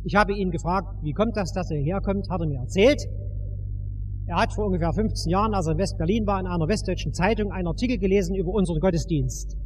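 A man leads a church service, speaking directly to the congregation in a relaxed, storytelling manner. His voice is notably high for a man, and faint background sound sits underneath. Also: fast, slight background noise. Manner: storytelling, informal, addressing the crowd directly. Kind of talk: announcing to a congregation.

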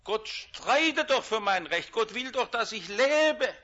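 A man preaching a sermon, shifting between loud emphatic lines and hushed quiet ones. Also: high-pitched, expressive, unhurried, lo-fi sound.

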